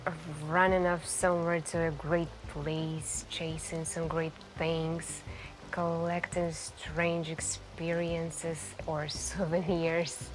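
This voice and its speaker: In this soft-spoken ASMR storytelling piece, a woman with a lowish voice takes on the role of an enigmatic, charming stranger in a café. She muses slowly and flirts gently, pausing between phrases, as music and rain sound in the background along with some noise.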